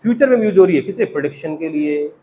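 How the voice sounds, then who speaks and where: Male classroom teacher, keeps quizzing students; high-pitched. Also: lively intonation, fast talker, warm tone, a little hiss or hum, rough recording. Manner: quizzing students with repeated questions. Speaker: spoken English teacher. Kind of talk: classroom grammar lesson.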